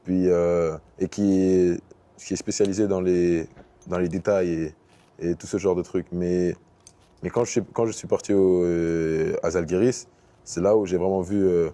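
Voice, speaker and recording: A man's voice: deep voice, fairly even intonation, unhurried, warm tone. A young man from Paris answering interview questions casually, easing into English basketball terms. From Paris, France. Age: young adult. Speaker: basketball player guest.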